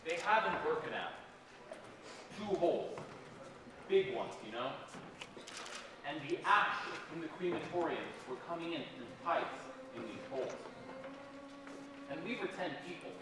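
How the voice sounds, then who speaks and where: A man playing an elderly male camp survivor, speaking haltingly and repeating phrases on a stage. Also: on the high side, big pitch swings, background noise. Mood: grieving. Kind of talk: stage testimony monologue. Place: school stage. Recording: echoey hall, mic far off.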